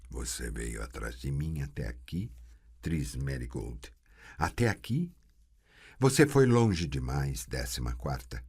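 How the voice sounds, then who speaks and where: A man's voice: a bass voice, sing-song, darkish tone, slightly rough, full character voice. A man doing a cold inhuman metallic voice. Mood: menacing scorn. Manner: slow, cruel, scornful.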